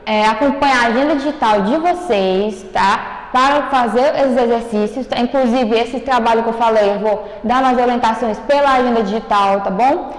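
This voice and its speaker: A woman's voice: on the high side, normal speed. Woman teacher in an echoey room. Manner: explanatory, checking in with "né?" and "tá?". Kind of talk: recorded remote class lesson.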